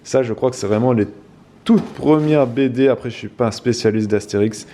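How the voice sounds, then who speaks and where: A man's voice: mid-range voice, moderate pace, mellow, slight background noise. A man from La Réunion with a Réunion Creole accent, rambling casually through an unboxing for his vlog, full of little fillers. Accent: Réunion Creole French. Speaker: vlog host.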